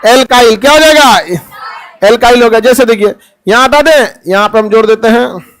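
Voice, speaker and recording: A man's voice: very high voice, a little fast, fairly bright tone, smooth. A man teaching chemistry to a class, joking and acting out little scenes as he lectures.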